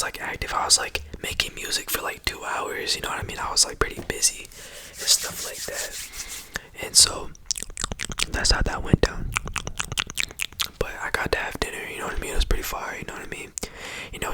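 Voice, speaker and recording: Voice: a little fast, low-quality recording. A whispering ASMR creator rambling casually and repetitively in slangy speech, close to the microphone. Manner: slangy, repetitive, rambling, often saying bro and you know.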